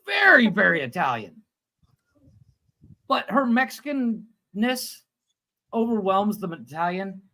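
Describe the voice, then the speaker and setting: High, lively man telling crude stories. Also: slow, long pauses. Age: 40s. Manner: crude animated storytelling. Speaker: co-host. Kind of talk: casual chat.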